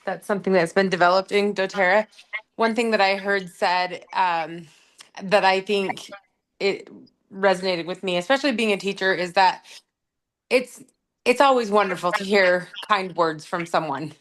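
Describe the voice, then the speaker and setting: A woman who is a teacher, speaking as a guest in a casual podcast chat, thoughtful and halting with many fillers. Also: medium pitch, fairly bright tone.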